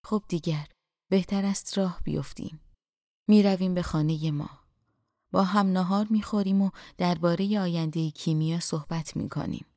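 A woman voicing a kind older male scholar who speaks softly and with measured affection in an audiobook reading. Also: high-pitched, dry recording, clean studio sound. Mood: tender.

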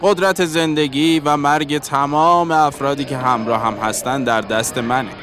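A man's voice: a little high, fairly even intonation, a bit bright, voice pushed up, natural voice. A man voicing a bearded caravan guide who speaks in a commanding, grave way, in an audiobook.

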